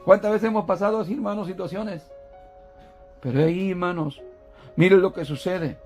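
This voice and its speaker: A man with a high voice preaches a sermon in a church. He keeps putting questions to the congregation and calls them brothers, repeating and restarting words as he goes. Soft music plays faintly behind him. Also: steady tone, normal speed.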